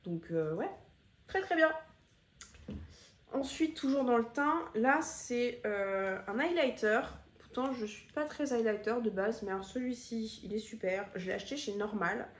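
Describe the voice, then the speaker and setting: A woman's voice: on the high side, lively intonation, a little slow, slight background noise. A woman chatting casually through her favourite beauty products to a phone camera, repeating words for emphasis and using many fillers. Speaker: beauty vlogger. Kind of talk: casual product review chat. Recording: echoey room.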